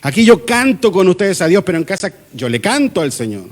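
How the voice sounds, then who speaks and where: High-voiced Chilean pastor preaching. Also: male voice, very animated, fairly quick. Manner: conversational preaching with acted-out dialogue and humor. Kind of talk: sermon. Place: church.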